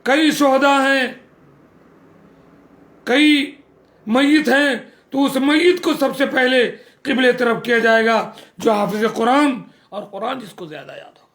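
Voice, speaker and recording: A man's voice: very high-pitched, gravelly, fairly bright tone. A man preaching a sermon, earnest and scolding, repeating phrases for emphasis.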